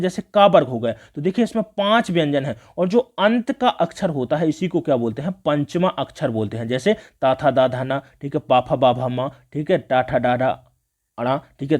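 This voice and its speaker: A man's voice: a little high, a little mellow. Man teaching a grammar lesson. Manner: asks the class questions and answers them himself, with many "देखिए" and "ठीक है". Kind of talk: exam prep grammar lesson.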